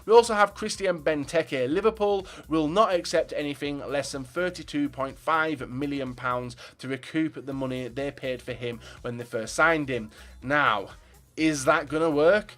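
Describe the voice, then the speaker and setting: Chatty young football vlogger. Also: male voice, a little high, a bit bright. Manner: chatty, opinionated, frequent fillers. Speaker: football transfer news vlogger. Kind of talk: casual commentary to viewers.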